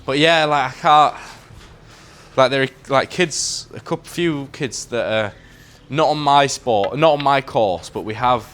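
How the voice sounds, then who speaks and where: A man in his 20s, here as a guest coach, chats casually over a game of pool, laid-back and full of "like" and "um." His voice is medium-pitched and a bit bright, his pace a little slow, with a faint hiss or hum on the recording.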